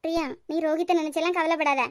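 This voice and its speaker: A woman's voice: extremely high pitch, steady tone, racing, darkish tone, no echo, studio quality. A woman with a Kanyakumari Tamil accent voicing emotional cartoon serial dialogue. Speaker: cartoon voice artist.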